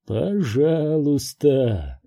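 A man voicing a cruel, sneering male ghost that taunts slowly and repeats words. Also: mid-range voice, sing-song, warm tone, breathy edge, muffled recording, exaggerated voice. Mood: coaxing, mocking. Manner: slow, taunting repetition.

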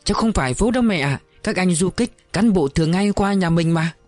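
A woman's voice: lowish voice, animated, a little fast, darkish tone, no echo, faint music behind, voice pushed up, close to an everyday voice. A sensible grown daughter speaks in a storybook, questioning and coaxing, voiced by a male narrator. Her voice rises well above his normal range. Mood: doubting. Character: grown daughter, practical, doubting.

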